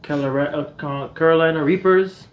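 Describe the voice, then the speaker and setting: A man's voice: fairly high pitch, steady tone, moderate pace. A man chatting casually as co-host of a food challenge. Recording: dull, lo-fi sound with background noise.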